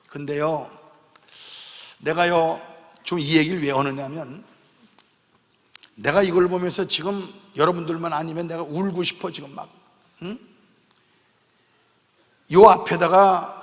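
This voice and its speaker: Man, pastor, revival sermon, acts out dialogue, emotional, long reverb of a big church hall. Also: sits high. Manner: emotional, often tags lines with a questioning "eh?"; acts out dialogue voices while telling stories. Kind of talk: revival sermon with dramatic storytelling. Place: large church sanctuary at a revival meeting.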